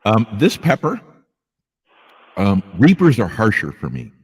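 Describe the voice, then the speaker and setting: A man's voice: lowish voice, huge pitch swings, a little slow, breathy edge, long reverb tail. A man hosting a casual live stream, rambling along and thanking viewers by name.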